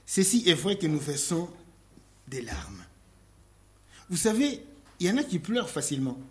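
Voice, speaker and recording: A man preaches a sermon, asking rhetorical questions with dramatic pauses and reading scripture in a slow, solemn cadence. His voice runs on the high side, sing-song and somewhat dark.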